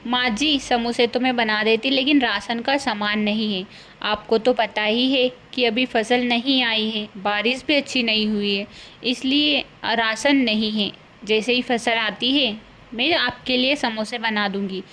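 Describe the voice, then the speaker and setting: A woman voicing a meek, hardworking young daughter-in-law in a cartoon, gentle and polite. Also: fairly high pitch, steady tone, a little slow, slight background noise. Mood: pleading. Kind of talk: cartoon voice acting.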